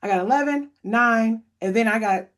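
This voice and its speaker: A woman in her thirties hosting a podcast from home, chatting in an excited, rambling way. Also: fairly high pitch, normal speed. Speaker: podcast host. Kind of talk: casual interview chat.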